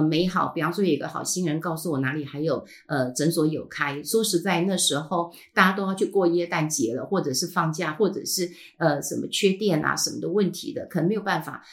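A woman's voice: low-pitched, brisk, hardly any pauses. A middle-aged woman with a Taiwanese Mandarin accent, telling a personal story in a casual podcast chat, full of fillers and trailing "ha" tags, her throat still healing. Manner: chatty, frequent filler sounds and trailing "ha" tags. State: recovering from a throat illness. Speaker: podcast host.

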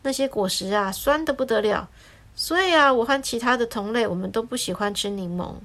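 A woman's voice: fairly high pitch, a little fast, a bit bright. A woman voicing a small, chatty, frank sparrow in a children's story, talking in a blunt, matter-of-fact way.

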